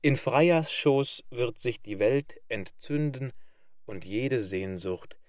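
A man voicing a splendid prophetic bird in a storybook reading, chanting verse slowly and with a lilt. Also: medium pitch, a little mellow, no echo, studio quality, lightly acted. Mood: solemn, prophetic. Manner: slow, lilting chanted verse.

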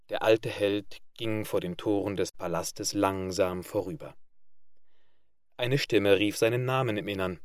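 A man with a fairly low voice reads a fairy tale aloud in a measured, even literary manner. The recording is close and dry, with no room sound. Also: dry recording. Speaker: audiobook narrator. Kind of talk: scripted narration of a fairy tale.

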